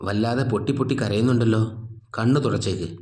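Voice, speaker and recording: A man's voice: on the low side, quick pace, a little mellow, echoey room, close to an everyday voice. A man voicing a young woman friend who questions and needles her friend. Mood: teasing.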